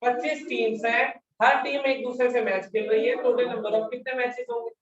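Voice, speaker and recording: A man's voice: very high-pitched, fairly even intonation, normal speed. A male math teacher giving a classroom lecture, repeating his questions and constantly prompting his students for answers. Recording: echoey room, distant mic, dull lo-fi sound.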